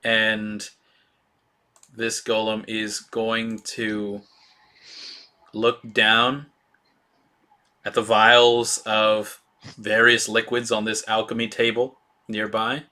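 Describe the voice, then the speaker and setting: A man running a tabletop role-playing game as game master, describing scenes in a halting way with many fillers. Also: fairly low pitch, monotone, bright, forceful tone.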